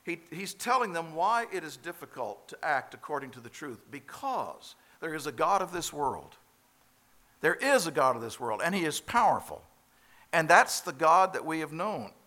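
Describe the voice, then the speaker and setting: A man preaching a sermon, growing emphatic and loud on key phrases and slowing down to read scripture. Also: fairly high pitch, very animated. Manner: slows down for quoted scripture.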